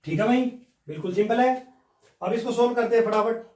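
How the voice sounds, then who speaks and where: A man teaches a maths lesson in a high voice. He talks the class through every step and keeps asking his own questions before he answers them. The sound is roomy and echoing, with the mic some way off. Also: a little fast, a little mellow. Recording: echoey room, mic at a distance.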